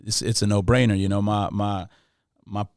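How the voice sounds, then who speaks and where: Laid-back Los podcast host. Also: male voice, on the low side, level tone, moderate pace, darkish tone, clean tone, no room sound, studio quality. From Los Angeles. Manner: friendly, restarts phrases, slang-heavy. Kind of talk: casual interview chat.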